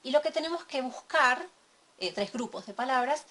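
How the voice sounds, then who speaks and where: A woman teaching a recorded lesson from slides, explaining step by step and checking in with a quick question. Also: sits high, lively intonation, a bit bright. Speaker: English teacher.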